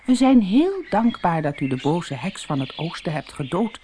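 A woman voicing a kindly old witch in a storybook, speaking softly and gently. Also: fairly low pitch, very animated, moderate pace, slight background noise. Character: kindly old good witch, small and stiff.

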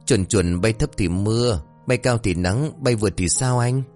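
A man's voice: on the low side, moderate pace, darkish tone, faint music behind, pitched above the performer's own voice, close to an everyday voice. A man voicing a shy young village girl who teases her suitor, starting out hesitant and stammering. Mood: coy.

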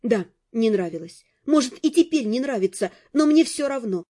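A woman narrating a fantasy audiobook in first person, with an expressive reading. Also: a little high, normal speed.

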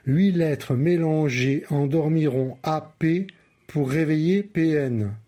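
A man reading a calm, sensible storybook character who explains things. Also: on the high side, slow pace.

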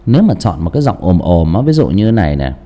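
Speaking fast in a low-sitting voice, a male audiobook narrator chats informally about doing character voices. His manner is lively; he frequently repeats himself and restarts phrases, and he poses rhetorical questions to listeners.

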